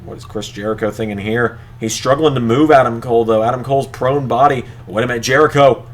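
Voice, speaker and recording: A man doing play-by-play as a wrestling commentator, excitable, drawing out the calls of the moves. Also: medium pitch, fast talker. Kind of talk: wrestling commentary of a video game match.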